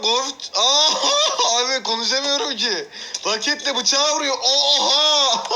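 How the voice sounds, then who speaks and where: High-voiced excitable man reacting to clips. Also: a little hiss or hum. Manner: excitable, laughs often, exclaims at clips. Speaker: reaction video host. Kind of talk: casual reaction commentary.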